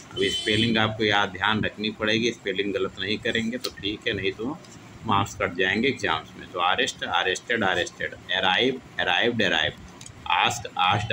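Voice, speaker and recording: A man teaching English grammar in Hindi with a Hindi accent, repeating each verb form slowly in drill style. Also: fairly low pitch, noisy background. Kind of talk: classroom lesson reciting verb forms.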